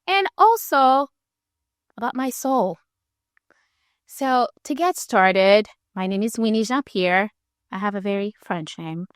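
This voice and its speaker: A woman in her thirties from Haiti, hosting a podcast and telling her own story in a candid, animated, conversational way. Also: mid-range voice, takes it slowly, pauses often, clear, resonant tone, no echo, clean studio sound. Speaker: podcast host.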